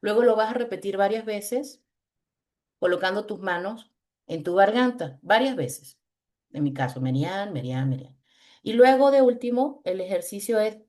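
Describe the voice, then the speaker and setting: A woman with a low, chest-resonant voice, leading a webinar on voice in a lively, teasing, conversational way over a video call. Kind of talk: webinar talk with exercises.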